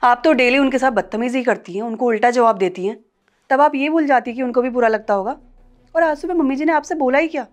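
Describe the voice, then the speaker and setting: An actress playing an outspoken young daughter-in-law who scolds and confronts others in a family short film. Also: female voice, sits high, fast, lightly acted. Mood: confronting. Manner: confrontational, scolding, rising loudness.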